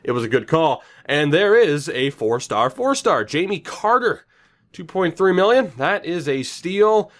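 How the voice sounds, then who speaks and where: A man's voice: a little high, a little slow. Chatty young man commenting on a game. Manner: chatty, self-mocking, lively asides. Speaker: gaming commentator.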